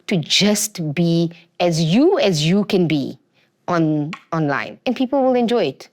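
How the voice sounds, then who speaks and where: Woman, slightly low-pitched, informal interview guest, talkative storyteller who repeats for emphasis. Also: expressive, a little slow. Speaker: guest, home cook and content creator. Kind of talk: casual interview chat, animated storytelling.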